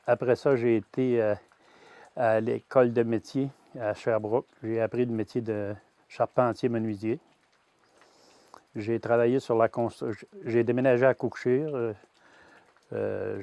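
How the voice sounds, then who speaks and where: This Québécois man in his sixties, who farms grain-fed veal, speaks hesitantly in his personal testimony, restarting often and filling gaps with "euh." His voice is mid-range and mellow, captured in a dry recording from Quebec.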